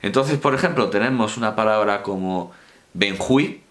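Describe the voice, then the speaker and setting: A man's voice: on the low side, moderate pace, fairly bright tone. A man giving an informal university lecture, digressive and colloquial, correcting himself and repeating key words.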